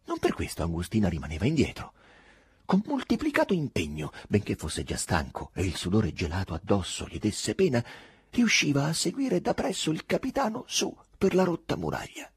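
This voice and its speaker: A man reads a novel aloud in an expressive, measured way. His voice is very low and deeply husky, and his pitch rises and falls freely. The sound is dry and close to the mic. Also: no echo. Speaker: audiobook reader. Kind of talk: literary audiobook narration.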